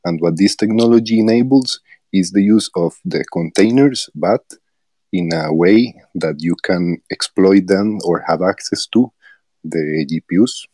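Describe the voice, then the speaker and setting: A man from Rica, a developer guest on a podcast interview, speaking in a halting way with frequent fillers and restarts. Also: low-pitched, mellow, no echo. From Costa Rica.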